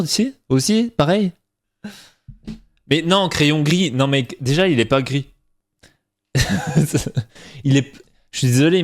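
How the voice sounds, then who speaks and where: A young man from Franche-Comté with a faint Franc-Comtois French accent, chatting casually with his stream chat and mocking himself. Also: medium pitch. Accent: slight Franc-Comtois French.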